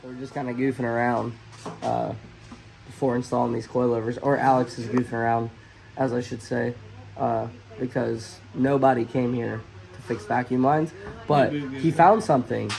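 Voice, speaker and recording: The audio is poor as this car channel host, voice turning hoarse, narrates a suspension install in an auto shop garage. His pitch is medium, and the how-to is casual and chatty, broken by filler pauses.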